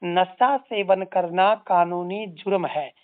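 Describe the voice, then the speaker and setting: Speaking slowly and with fairly even intonation at medium pitch, an anti-drug social organisation activist issues a stern, formal, articulate rebuke by phone. The audio is a tinny, narrowband phone call.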